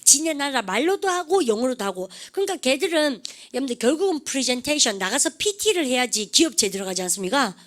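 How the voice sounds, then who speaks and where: A woman's voice: high-pitched, big pitch swings, fast, a bit bright. A Korean woman teaching an English vocabulary lesson, prompting students to repeat phrases in call-and-response drills.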